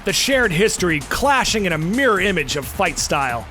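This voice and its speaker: A man calling play-by-play like a boxing announcer, excited and dramatic, with music behind him. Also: high voice, normal speed. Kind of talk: sports commentary in the manner of a boxing ring announcer.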